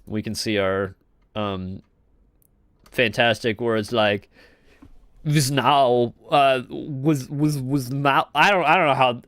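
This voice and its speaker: Casual male game dev streamer, unhurried and rambly, dry close-sounding voice. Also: mid-range voice, fairly bright tone, dry recording. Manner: rambling and joking, with chuckles and trailing off; talks to viewers in chat. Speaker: game developer streaming his work. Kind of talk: casual live coding chat.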